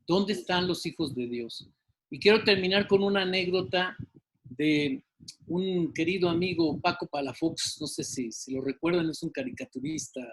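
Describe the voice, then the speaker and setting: A man with a notably high voice speaks as an interview guest. He talks slowly and emphatically like a preacher and stumbles on fillers now and then. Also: rough recording. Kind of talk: exhortation in an interview.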